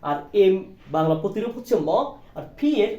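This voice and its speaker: Speaking a little fast with lively intonation, this man has a high yet mellow voice as he teaches English reading, spelling out words and slipping between Bengali and English while asking "right?". Occasional coughs come through the dull, roomy audio, picked up from a distance.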